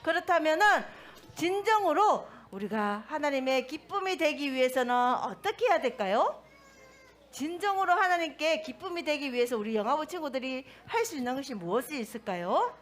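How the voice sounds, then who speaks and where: A woman's voice: sits high, big pitch swings, moderate pace. A woman giving a sermon to toddlers in a sing-song way, asking the children questions. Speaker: children's pastor.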